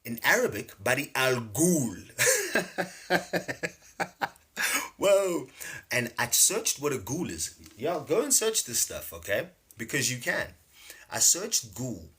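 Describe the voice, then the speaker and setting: Lively man teaching. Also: mid-range voice, a little slow. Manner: animated, repeats words, laughs often. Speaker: spiritual teacher streaming live. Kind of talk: casual livestream teaching. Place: home livestream setup.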